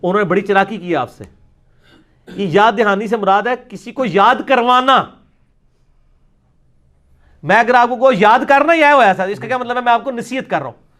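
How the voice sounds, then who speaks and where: A man, his voice sitting notably high, gives an explanatory religious talk. He argues his point with a sarcastic edge and breaks off to read quotations aloud. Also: pauses often, fairly bright tone. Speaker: religious speaker.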